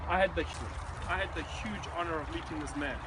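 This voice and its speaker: His voice a bit high and his delivery fairly quick, a middle-aged man with a South African accent urges a visiting group outdoors in a motivational talk. He's earnest and emphatic, even performing the shouting he quotes, and the recording is very noisy.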